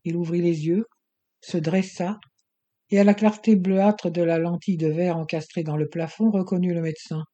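Audiobook narrator reading a novel, steady and even, very dark mellow tone. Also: mid-range voice, normal speed, highs cut off. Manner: steady, even-paced storytelling. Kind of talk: scripted narration.

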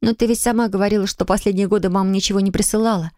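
A woman's voice: mid-range voice, fairly even intonation, very fast, mellow, no echo, studio quality, close to an everyday voice. A woman reading an audiobook, voicing an anxious, frightened young woman who talks in breathless, pleading bursts.

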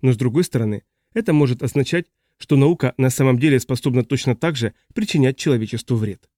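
A man's voice: mid-range voice, quick pace, mellow, dry recording, studio quality, lightly acted. Man reading as a poised woman scientist. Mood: cool.

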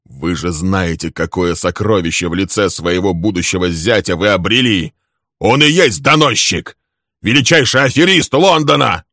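A man voicing a hot-tempered young man who shouts accusations at a rival in a storybook reading. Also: deep voice, lively intonation, moderate pace, no room sound, clean studio sound, heavily acted. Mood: furious.

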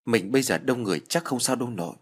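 A man's voice: mid-range voice, rapid-fire, breathy edge, close to an everyday voice. A man doing a tearful scared village girl. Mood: pleading. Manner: tearful pleading.

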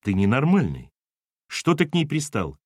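A man's voice: mid-range voice, wildly swooping pitch, moderate pace, darkish tone, no echo, clean studio sound. A man voicing an irritated, snapping woman in an audiobook reading. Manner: snapping, exasperated. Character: sharp irritated woman, ex-wife.

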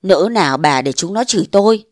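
A woman's voice: fairly low pitch, expressive, brisk, no room sound, clean studio sound. A woman voicing a pompous, bullying old mandarin who scolds and blusters, in a storybook reading. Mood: blustering.

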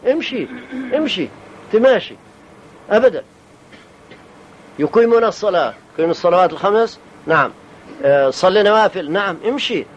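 A man teaching a Quranic commentary lesson, emphatic and firing off rhetorical questions that he answers himself. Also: high-pitched. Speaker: religious teacher. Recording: dull lo-fi archival tape with faint hiss.

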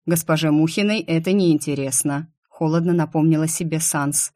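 A woman narrating a first-person science fiction novel in an expressive, lively way. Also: low-pitched, normal speed. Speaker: audiobook narrator.

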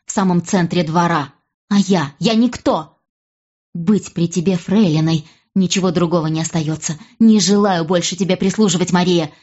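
A woman's voice: lowish voice, warm tone, lo-fi sound, close to an everyday voice. A woman voicing a proud, scheming young noblewoman who scolds and threatens her sister in an audiobook. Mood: bitter. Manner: bitter, cutting, hisses threats.

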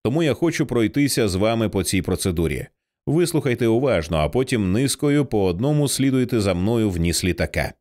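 A man reading aloud, voicing a practical, level-headed male pilot who gives calm, businesslike instructions. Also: on the low side, brisk. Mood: firm.

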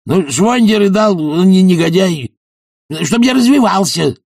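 A man voicing a crude, boorish young man who was once a dog, with a coarse, gravelly manner in an audiobook. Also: high-pitched, expressive, measured pace, darkish tone, no echo, studio quality, pitched above the performer's own voice, heavily acted. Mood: sulky. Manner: coarse, sulky, grumbling. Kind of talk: audiobook character voice.

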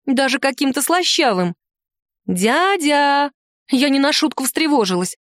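A woman narrating an audiobook in an expressive, lively way, lifting her voice for quoted lines. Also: no room sound, studio quality. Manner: lively, performs quoted lines with rising pitch.

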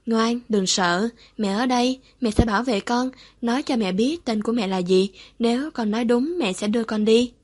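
A woman's voice: a little high, fairly quick, natural voice. Kim Ân Hy, a woman doing a cold interrogator. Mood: coaxing. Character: cruel, curious young woman interrogator.

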